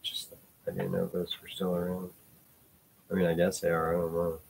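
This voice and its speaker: Man, casual vlogger, low voice, meandering and hesitant, swears offhandedly. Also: completely flat delivery, moderate pace, vocal fry, breathy edge. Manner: rambling, hesitant, with many fillers and restarts. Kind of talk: casual rambling vlog talk.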